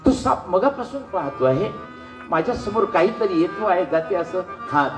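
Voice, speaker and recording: Male kirtan storyteller, high-pitched, echoing hall with faint instruments. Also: lively intonation, normal speed, over music. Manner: dramatic, emotional storytelling. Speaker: kirtan preacher.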